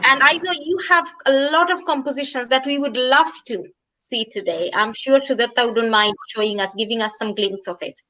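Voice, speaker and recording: Woman, interviewer, polite, bright, slow pace. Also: fairly high pitch, slight background noise, low-quality recording. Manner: polite, questioning.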